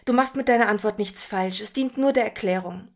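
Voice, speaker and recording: A woman reading the lines of a gentle, patient Jesus in a soft, calm, reassuring way. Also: medium pitch, a little fast, close to an everyday voice. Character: gentle patient grown man, calm and kind.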